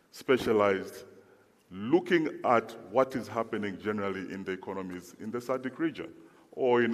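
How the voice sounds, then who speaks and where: A middle-aged man from Zambia giving a measured conference speech, often restarting and repeating words. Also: on the low side. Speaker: conference speaker, former lawyers' association president. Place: large conference hall. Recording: long hall reverb.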